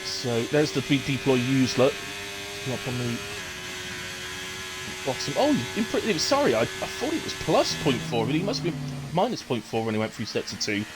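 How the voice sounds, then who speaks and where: A man's voice: mid-range voice, sing-song, moderate pace, very noisy. A man giving live, conversational play-by-play commentary on online race qualifying, thinking aloud as he follows the cars. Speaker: sim racing commentator.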